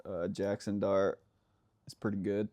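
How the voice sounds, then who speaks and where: A man's voice: on the low side, level tone, a little slow, dark tone, no room sound. A man co-hosting a podcast outdoors by a campfire, joking and easygoing in casual chat. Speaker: podcast co-host.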